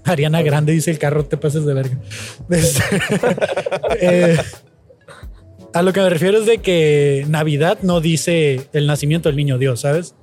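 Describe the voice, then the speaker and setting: A man's voice: a little high, steady tone, unhurried, a little mellow, faint music behind. A young Mexican man co-hosting a podcast, asking playful questions. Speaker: podcast co-host. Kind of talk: casual chat.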